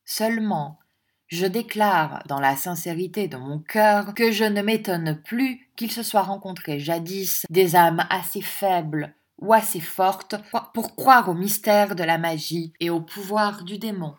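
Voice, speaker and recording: A woman voicing a pale, eloquent provincial lawyer who recounts a strange supper in a grave, measured tone, read as part of an audiobook. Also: lowish voice.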